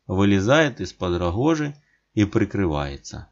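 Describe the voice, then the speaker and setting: A man narrating a literary audiobook in a measured, plain manner, in a dull lo-fi recording. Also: lowish voice, very animated.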